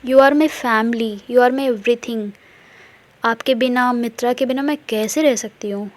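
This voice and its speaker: A woman playing a remorseful young wife, apologetic and pleading, slightly high voice, casual audio story. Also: slow pace. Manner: pleading, apologetic, mixes English words. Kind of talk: casual retelling of a love story.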